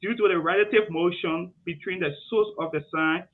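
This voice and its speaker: A man's voice: sits high, steady tone, brisk. A man from Liberia reading quiz questions and ruling on answers, emphatic and repeating his verdicts. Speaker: quizmaster. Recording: muffled lo-fi with faint noise.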